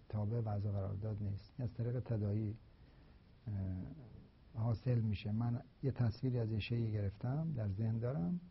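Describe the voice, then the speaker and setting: A man lecturing on philosophy of language, explaining slowly and deliberately with repeated examples. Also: medium pitch, vocal fry, a little hiss or hum. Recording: dull, lo-fi recording.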